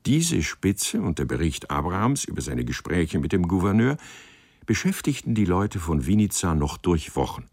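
A man reading a literary story aloud in a measured, expressive manner. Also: sits low, breathy edge, dry recording. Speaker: narrator. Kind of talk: audiobook narration of a literary story.

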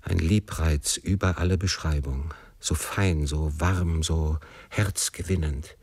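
A man reads a classic novel aloud as a first-person narrator, measured and emotive. His voice sits very low. The recording is dry and close, with no room sound. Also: steady tone, a little mellow, breathy edge, no room sound. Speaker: audiobook narrator.

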